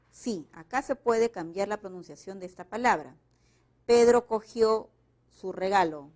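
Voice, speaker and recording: A woman's voice: medium pitch, darkish tone. A woman teacher from Peru, working through exam questions and reading the example sentences aloud with marked intonation. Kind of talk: explaining exam answers.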